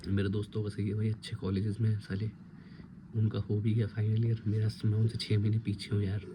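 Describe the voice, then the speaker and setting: A young man in his twenties, a college student, talks quietly and rambles in a casual late-night vlog at home, recorded close on a phone. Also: on the low side, completely flat delivery, a little fast, background noise. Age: 20s. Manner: hushed, rambling, self-mocking. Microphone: phone held close.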